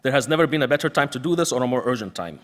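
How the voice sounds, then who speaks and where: This is a man giving a prepared lecture speech as a panel speaker and activist. His mid-range voice has lively intonation and comes out rapid-fire, emphatic and full of rhetorical repetition.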